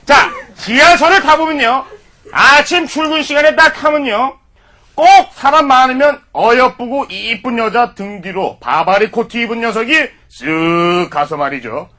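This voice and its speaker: High bright mock-lecturing man. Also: animated, unhurried. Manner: mock-formal lecturing, peppered with profanity. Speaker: comedy lecturer.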